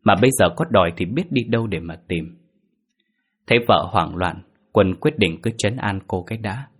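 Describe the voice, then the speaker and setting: A man narrating a horror story in a steady, measured storytelling voice. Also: low voice, breathy edge.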